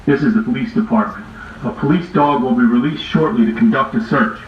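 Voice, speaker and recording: A man giving a formal police warning, heard as a pre-recorded message through a vehicle siren loudspeaker outdoors. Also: mid-range voice, fairly quick. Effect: pre-recorded message blared through a siren loudspeaker. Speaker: police announcement. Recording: echoey distant loudspeaker, dull lo-fi, street noise.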